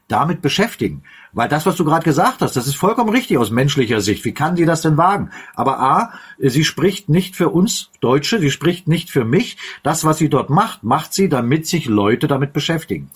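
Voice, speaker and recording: A man with a somewhat high, husky voice hosts a casual political chat. He talks in a relaxed way and leans on lots of fillers. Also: moderate pace. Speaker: host.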